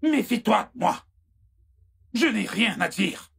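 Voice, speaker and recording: A gravelly, menacing schemer. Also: male voice, high-pitched, expressive, slow pace, fairly bright tone, exaggerated voice. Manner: threatening, insinuating. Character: menacing royal schemer hinting at a rival's death. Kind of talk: French film dub.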